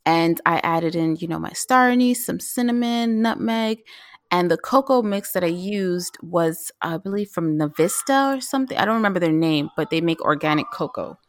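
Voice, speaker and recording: A woman chatting as a guest about home cooking, lively and quick, with many fillers and restarts. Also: fairly low pitch, dry recording, studio quality. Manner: animated, talks fast with restarts and fillers. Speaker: guest, vegan home cook. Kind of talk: casual interview chat.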